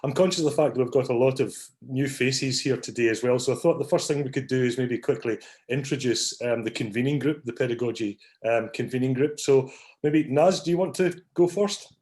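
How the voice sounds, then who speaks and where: Hosting an online academic meetup over a video call, a man chats casually, dropping lots of ums and small apologies. His mid-range voice is darkish and fairly quick.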